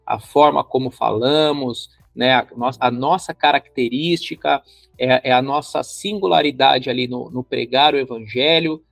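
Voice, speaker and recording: A man with a Brazilian Portuguese accent hosting a casual podcast chat, animated and acting out quoted voices. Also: mid-range voice, normal speed, gravelly, no echo, soft background music. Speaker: podcast host.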